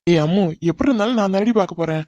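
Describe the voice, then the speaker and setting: A man's voice: high voice, very fast, darkish tone, no room sound. A man with a Tamil accent voicing a cartoon hero, exasperated and pleading. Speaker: voice actor in a cartoon. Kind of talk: animated cartoon dub acting. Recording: dull dry lo-fi recording.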